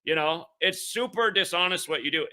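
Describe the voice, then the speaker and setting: Bright-voiced man ranting on his show. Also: fairly high pitch, a little fast. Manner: repetitive, aggrieved ranting with frequent profanity; stammers and repeats words. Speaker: online sports betting show host. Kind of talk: casual livestream monologue.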